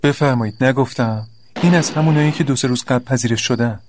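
Level-headed young male student, voiced by a man; commanding, even, audio drama. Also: mid-range voice, noisy background, close to an everyday voice. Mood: urging. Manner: steady, commanding.

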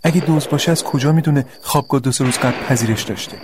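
Level-headed young male student, voiced by a man; commanding, even, audio drama. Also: mid-range voice, background noise, lightly acted. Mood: urging. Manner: steady, commanding.

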